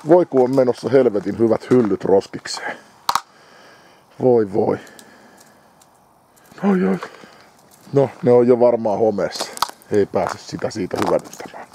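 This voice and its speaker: A man's voice: on the low side, noisy background. A man rambling to himself and his dog on a winter morning walk outdoors, swearing heavily. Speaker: vlogger. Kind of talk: rambling walk-and-talk monologue. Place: outdoors on a village road in winter.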